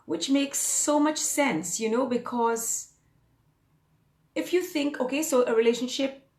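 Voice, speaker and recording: A woman's voice: high voice, a little slow, a little mellow. Chatty woman in her fifties, echoey room. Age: 50s. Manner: chatty and upbeat, rambling with many fillers. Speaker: fitness and mindset coach. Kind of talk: casual live-stream chat. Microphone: phone or webcam on a live stream.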